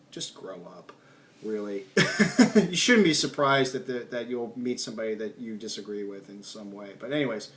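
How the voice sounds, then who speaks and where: A man reviewing a film in loose, unscripted talk. He starts sentences over and over, fills the gaps with ums, and lets the ends of his phrases sink into quiet mumbles. His voice sits at an ordinary pitch for a man. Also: a little hiss or hum. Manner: rambling, with many restarts and ums. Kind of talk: casual spoken film commentary.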